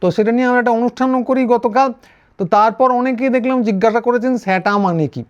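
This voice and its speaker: A man giving a sarcastic political commentary, pausing and restarting often. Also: very high-pitched. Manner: wry, sarcastic, with frequent hesitations and restarts. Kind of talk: casual political commentary monologue. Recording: dull, lo-fi recording.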